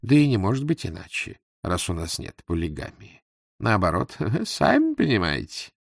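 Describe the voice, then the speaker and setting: A man reading the part of a small, grey-haired, good-natured but dull clerk who talks in a slow, earnest, self-satisfied way. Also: sits low, sing-song, creaky, darkish tone, breathy edge, dry recording, clean studio sound, full character voice. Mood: complacent.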